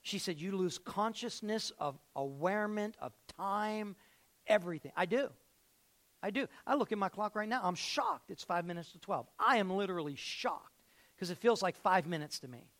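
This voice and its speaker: Preaching in a church sanctuary, a pastor with a high, somewhat bright voice speaks emphatically, repeating phrases and tossing in joking asides.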